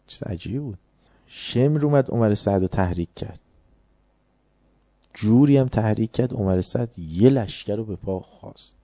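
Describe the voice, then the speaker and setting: A man with a Tehran accent preaching a sermon, moving from hushed storytelling to loud, emphatic points. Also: on the low side, no room sound, clean studio sound. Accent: Tehran Persian.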